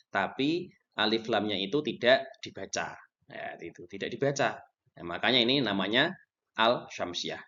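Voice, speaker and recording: A man with a medium-pitched, slightly bright voice teaches a Quran recitation lesson. He explains patiently, repeats himself, and checks in often. The recording is dull and lo-fi.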